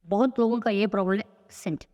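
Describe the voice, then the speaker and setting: A man's voice: sits high, quick pace, darkish tone, big-room sound, muffled recording. A man from Maharashtra, a spoken English coach, answering podcast questions in an emphatic, persuasive way. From Maharashtra, India. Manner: emphatic, mixes Hindi and English.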